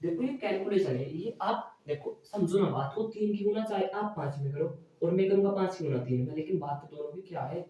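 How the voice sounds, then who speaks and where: A male math teacher lecturing in a classroom style, asking his students questions and answering them himself, often checking with a quick "okay". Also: high-pitched, dark tone. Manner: repeats "theek hai" as a check. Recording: very echoey room, mic far away.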